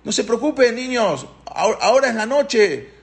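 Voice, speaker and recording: A man voicing a panicked, proud Egyptian king who shouts and pleads in a high, shrill voice. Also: sing-song, normal speed, creaky, exaggerated voice. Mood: frantic pleading.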